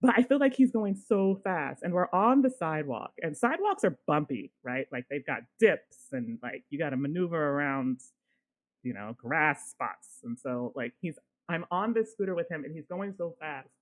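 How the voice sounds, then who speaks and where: A woman co-hosting a podcast, telling a personal story in a casual, animated way and swearing now and then. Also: deep voice, moderate pace. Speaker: podcast co-host.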